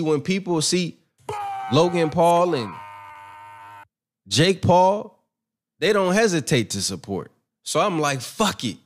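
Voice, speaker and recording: A brash young man hosting a boxing commentary channel, giving his opinions in a rambling, profane, self-assured way. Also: fairly high pitch. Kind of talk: casual opinion monologue.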